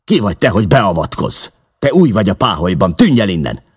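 A man's voice: a bass voice, expressive, vocal fry, a little mellow, heavily acted. Man playing a cruel, bossy gang leader. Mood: scornful. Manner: commanding.

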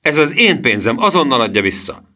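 A man voicing an agitated young boy in an audiobook reading, with shrill, excited outbursts. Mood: indignant.

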